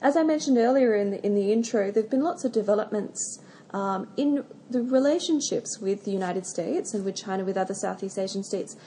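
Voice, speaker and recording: Warm-voiced woman hosting a podcast. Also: mid-range voice, slight background noise. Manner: measured and formal, with occasional ums. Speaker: podcast host. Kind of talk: prepared interview questions.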